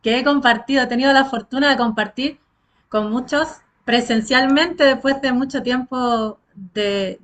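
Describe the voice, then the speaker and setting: A woman's voice: sits high, a little slow. Chatty Cuban-born woman on a video call. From Cuba. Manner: warm, chatty, with many fillers. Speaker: co-moderator of an online talk. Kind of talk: casual online welcome.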